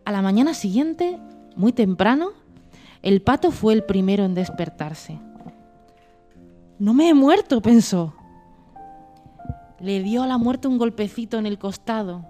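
A woman reads a storybook tale aloud in a gentle, measured way. Her voice is mellow and warm, in a middle pitch. Soft music plays faintly behind her. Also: animated. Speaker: story reader. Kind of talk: storybook narration.

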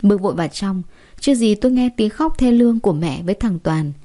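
A woman telling a first-person story, emotive and chatty. Her voice is dark and mellow, with a steady middle pitch. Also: fast.

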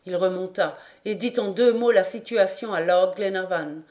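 A woman narrating an audiobook of a classic novel with a steady, expressive reading. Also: on the low side, normal speed.

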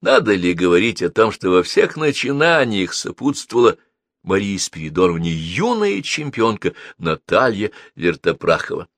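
Man, audiobook narrator, expressive, ironic, lively intonation, dry close recording. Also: on the low side, moderate pace, no room sound. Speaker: audiobook reader. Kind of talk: scripted narration.

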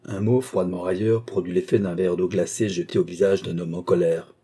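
A man reads a classic novel aloud in a measured, literary way. His voice is very low, dark and husky, and he keeps the narration steady. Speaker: audiobook narrator. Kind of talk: scripted narration.

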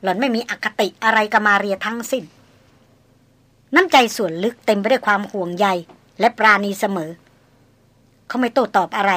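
A woman reading a novel aloud as an audiobook narrator in a measured, literary way. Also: mid-range voice, fairly bright tone, no echo.

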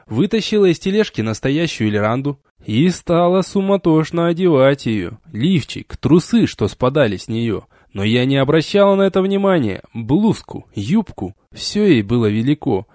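A man reading an adventure novel aloud as an audiobook, in an expressive storytelling way. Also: fairly high pitch, moderate pace, hardly any pauses, no room sound, clean studio sound. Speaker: audiobook reader. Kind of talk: audiobook narration.

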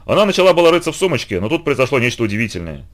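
A man narrating a children's audiobook in an animated storytelling manner. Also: medium pitch, rapid-fire.

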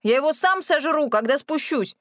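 A woman's voice: a little high, expressive, moderate pace, dry recording, studio quality, voice pushed up, close to an everyday voice. A woman voicing a cowardly, fussy male ghoul who protests shrilly and indignantly. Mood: shouting.

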